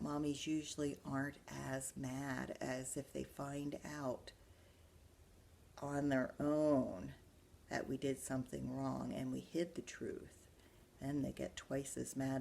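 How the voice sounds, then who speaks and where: With an extremely low, darkish voice and vocal fry, a woman librarian leads young children through an animated storybook reading, adding explanations and questions along the way. A slight hiss or hum runs through the clip.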